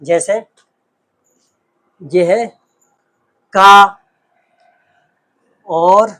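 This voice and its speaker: Slow, patient teacher man, high voice. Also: fairly even intonation, darkish tone. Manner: sounds out letters one by one while writing; explains with rhetorical questions. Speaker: Urdu teacher. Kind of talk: slow, patient classroom lesson.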